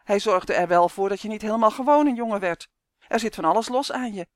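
A woman's voice: mid-range voice, expressive, fast, no echo, clean studio sound, lightly acted. A woman voicing a homesick male elf trapped in a duck's body, whining and buzzing his complaints. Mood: indignant. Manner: whiny, sulky, buzzing complaints. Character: grumpy homesick male elf stuck as a duck.

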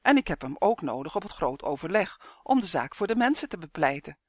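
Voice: medium pitch, sing-song, brisk, dry recording. A reader voicing a bold human boy in a storybook, answering diplomatically and with a mocking edge, in a dry recording. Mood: diplomatic. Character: human boy hero, bold and quick-witted.

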